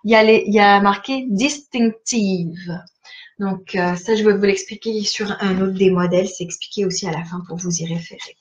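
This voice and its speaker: A woman's voice: medium pitch, steady tone, normal speed, highs cut off. A woman chatting casually through a catalogue, hesitant and full of fillers. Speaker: stamping-supplies demonstrator. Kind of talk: casual catalogue walkthrough for viewers.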